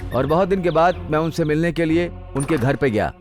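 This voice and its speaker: A scared captive, played by a man, begs his captors to stop in a dubbed film. His voice is high and strained. Faint music runs underneath. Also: brisk, natural voice. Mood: confessing. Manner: pleading, protesting. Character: frightened kidnapped man pleading.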